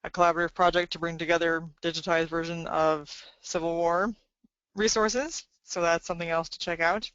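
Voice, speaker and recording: A woman gives a webinar presentation with a bright, forceful tone and a smooth, crisp voice. She talks conversationally and often fills pauses with "um". The audio is slightly dull and dry, as from a computer microphone. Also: lowish voice, steady tone, no echo. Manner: conversational, with frequent fillers.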